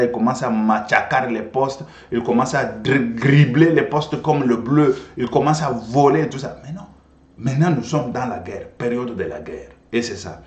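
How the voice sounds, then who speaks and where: A man's voice: medium pitch, lo-fi sound. A man hosting political commentary, talking emphatically and addressing his viewers directly. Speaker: host commentator. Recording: roomy echo.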